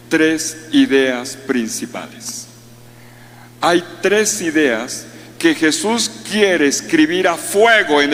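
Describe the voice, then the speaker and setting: A man's voice: a little high, fairly bright tone. A man preaching a sermon as a priest, emphatic, repeating key phrases and drilling his listeners. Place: large hall at a conference. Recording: long hall reverb.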